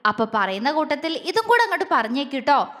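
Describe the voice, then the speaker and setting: A woman voicing a teasing, tender young man who coaxes softly, with a long echo on the recording. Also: high voice, sing-song, fast talker, heavily acted. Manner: teasing, soft and coaxing. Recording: long reverb.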